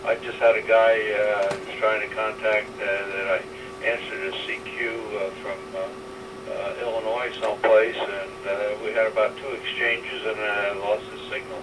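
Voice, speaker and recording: A man checking in to an amateur radio net, chatting casually and haltingly with many fillers, heard over a two-way radio with static. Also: lowish voice, level tone. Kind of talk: casual on-air chat. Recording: distant radio audio with static hiss.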